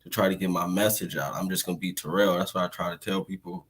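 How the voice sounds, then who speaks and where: A laid-back man hosting a casual interview, speaking calmly and in a measured way, often restarting his sentences. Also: deep voice, husky, poor audio. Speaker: host, state senator.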